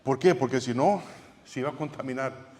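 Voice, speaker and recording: A man's voice: mid-range voice, a little fast, darkish tone. A man preaching a sermon as pastor, in a conversational way with frequent restarts and tag questions. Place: church sanctuary. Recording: church hall with long reverb.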